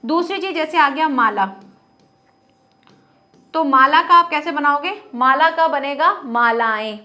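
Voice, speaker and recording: High-voiced woman teaching Hindi grammar. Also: a little slow, pushed and bright. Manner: explains patiently, repeats words to model pronunciation; asks the class questions and answers them herself. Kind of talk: Hindi grammar lesson for students.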